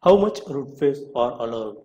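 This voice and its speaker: A man with a mid-range voice narrates a scripted lesson. He reads out questions and follows each with a short answer. His delivery is deliberate, in the way of an instructor. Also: mid-range voice, sing-song, dark tone, highs cut off.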